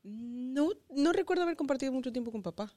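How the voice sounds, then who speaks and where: Casual co-host, woman from Mexico, animated and probing, high, dry close mic. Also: brisk, dry recording. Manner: lively, probing questions, code-switches briefly into English. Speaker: podcast co-host. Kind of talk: casual family chat.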